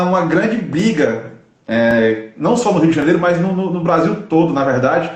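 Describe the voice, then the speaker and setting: A man's voice: fairly high pitch, reverberant. A man, a pastor hosting an interview, asking long questions in a hesitant way, often restarting his phrases. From Northeast Brazil.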